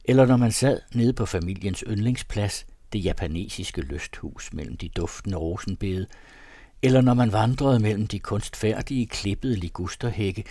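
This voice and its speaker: A man narrating a literary story in a measured, ornate audiobook reading. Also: lowish voice, mellow, dry recording, studio quality.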